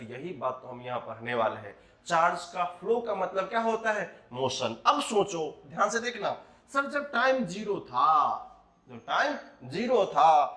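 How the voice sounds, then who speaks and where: A man's voice: sits high, a bit bright. A man teaching a physics class, mixing Hindi and English and asking rhetorical questions. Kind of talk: classroom lecture. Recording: roomy echo.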